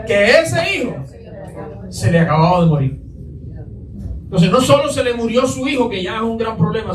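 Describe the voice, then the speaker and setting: High-voiced man preaching in an echoey church. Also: far from the mic, a little hiss or hum. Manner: asks the congregation questions and answers them. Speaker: pastor. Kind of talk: Sunday sermon. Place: church sanctuary.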